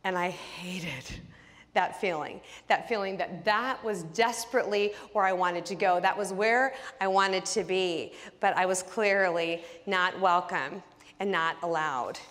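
A woman's voice: on the low side, measured pace, fairly bright tone, in a large hall. A woman teaching a Bible study who tells a personal story with animation and acts out the dialogue.

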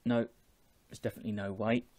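A man, talking in a measured, explanatory way as a vlogger chatting casually on an earphone microphone at home. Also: on the low side, level tone, darkish tone. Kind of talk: casual chat to camera. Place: small home room with bookshelves.

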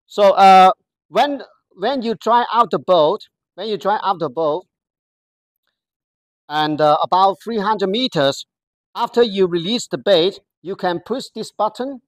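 Speaking non-native English, this presenter guides viewers through a product slowly and carefully, frequently stopping to search for the right word. Pitch sits in the middle range, and the sound has no echo.

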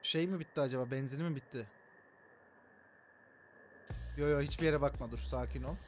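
A man's voice: mid-range voice, very fast, darkish tone, faint music behind. A man streaming a game live, joking around, swearing often and thanking his viewers by name. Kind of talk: live gameplay commentary.

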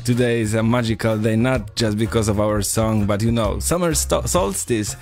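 A man's voice: fairly low pitch, moderate pace, a little mellow. A man hosting a casual radio interview with Rasta-style greetings and slang. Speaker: radio host. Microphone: studio microphone. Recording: music playing behind the voice.

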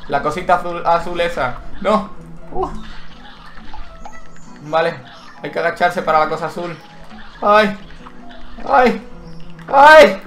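With a fairly high voice, a moderate pace and frequent pauses, an excitable gaming channel host narrates his Let's Play, yelping and crying out when he gets hit. He reasons aloud and reads menu text as he goes, and the recording has a roomy echo with game music behind him.

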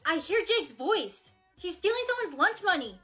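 A young woman playing the eager lead in a comedy skit, talking her thoughts aloud. Her voice is very high and bright. Faint music runs underneath. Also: very animated, moderate pace. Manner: eager and breathless, talks to herself. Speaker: creator voicing the lead character.

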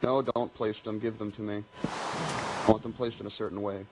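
A man's voice: lowish voice, level tone, moderate pace. A man chatting during a game, bossy and fussy about keeping things organized. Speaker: gamer co-host. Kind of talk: casual gaming chat. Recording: noisy capture with clicks.

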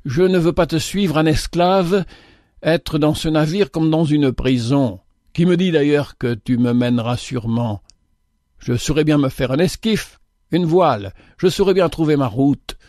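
A man's voice: fairly high pitch, unhurried, a little mellow, no echo, clean studio sound, lightly acted. A man doing a proud defiant young brother. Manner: scornful, proud.

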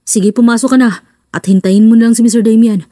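A polite, matter-of-fact male security guard speaks in a lowered voice, as a woman narrator puts him on. The sound is mellow and dry, read close. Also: fairly even intonation, brisk, dry recording, lightly acted.

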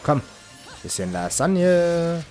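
Relaxed man mumbling game commentary. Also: fairly high pitch, drawn-out words, faint music behind. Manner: relaxed, muttering asides to himself. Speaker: let's play host. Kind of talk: casual gameplay commentary.

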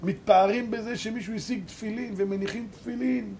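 A rabbi giving a sermon, telling a story dramatically and swinging between loud and hushed. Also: male voice, sits high, fairly even intonation, vocal fry, a little hiss or hum. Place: live lecture event.

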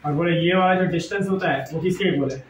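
A man's voice: high voice, rapid-fire, background noise. A man with an Indian accent lecturing a physics class in a classroom. He mixes Hindi with English and keeps quizzing the students. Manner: quizzing students, repeating questions. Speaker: physics teacher. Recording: echoey room, mic at a distance.

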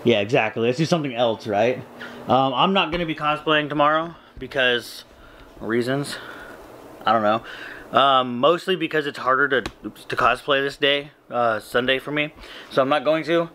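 A man in his thirties, vlogging casually in a small hotel room late at night, talking slowly and rambling with lots of fillers because he is very tired. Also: medium pitch, sharp tone, slight background noise. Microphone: handheld camera close to face.

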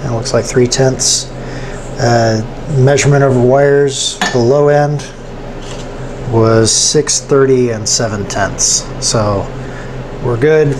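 A man's voice: mid-range voice, steady tone, slow pace, noisy background. A man hosting a machining tutorial, explaining hands-on steps in an informal, folksy way. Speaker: host of a machining how-to channel. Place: home machine shop, indoors at a lathe.

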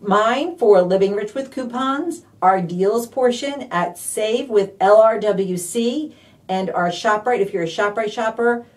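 A woman hosting a live-streamed couponing deals rundown, bubbly and excitable, with lots of fillers. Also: mid-range voice, measured pace, recorded from a distance. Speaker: couponing show host.

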